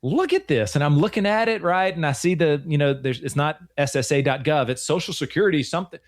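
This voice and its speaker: A man's voice: on the high side, quick pace. Forties guy hosting a money show, chatty and earnest, keeps repeating stuff. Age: 40s. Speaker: financial advisor and show host. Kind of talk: casual radio-show chat.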